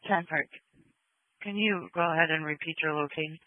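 A man's voice: a little high, moderate pace, dry recording. A man working as a police dispatcher, speaking in clipped procedural radio calls with repeated numbers and locations over a two-way radio. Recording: dull, band-limited police radio audio.

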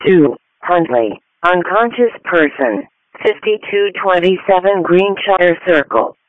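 Slow, high-pitched male dispatch announcer, radio. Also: dry recording. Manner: measured, separated short phrases. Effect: radio paging channel. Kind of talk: formulaic dispatch call-out of units and addresses. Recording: dry, narrow radio transmission.

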